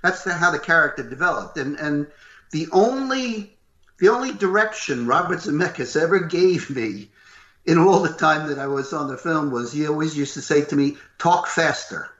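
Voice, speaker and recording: An older man with a loud, gruff voice, telling animated stories as a voice actor being interviewed. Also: on the high side, normal speed. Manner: animated, acts out what others said. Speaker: voice actor guest. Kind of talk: interview storytelling. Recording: roomy, slightly dull recording.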